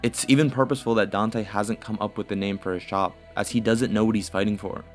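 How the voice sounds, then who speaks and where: Lowish-voiced man, casual profane commentary. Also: steady tone, a little fast. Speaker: video essayist. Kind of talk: scripted commentary on a video game. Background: music.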